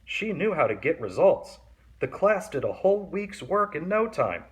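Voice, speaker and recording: A man reading a children's story aloud in an expressive, animated and deliberate way. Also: on the high side. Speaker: storybook reader.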